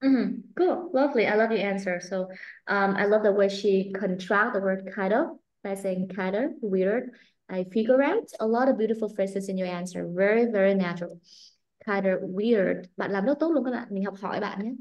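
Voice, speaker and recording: A woman with a Vietnamese accent runs a live online English speaking class. She reads model answers slowly and then explains in quick, animated bursts. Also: mid-range voice. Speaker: English teacher.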